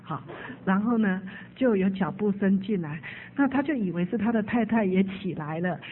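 A woman's voice: mid-range voice, lively intonation, moderate pace, slight background noise. A woman preacher telling an emotive story in a sermon. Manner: emotive, with frequent "hao" fillers. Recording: tinny phone-like sound.

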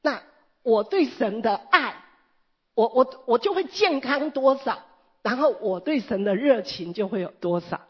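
Woman preacher, sermon, high breathy voice, animated storyteller, dull lo-fi recording. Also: a little slow. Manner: animated storytelling with wide pitch swings.

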